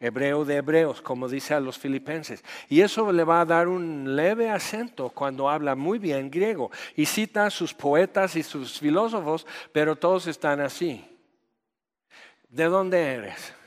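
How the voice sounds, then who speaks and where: A man's voice: on the high side, moderate pace, few pauses, big-room sound. A man from the United States with an American accent, preaching a direct, conversational sermon in Spanish as a pastor and acting out quoted dialogue.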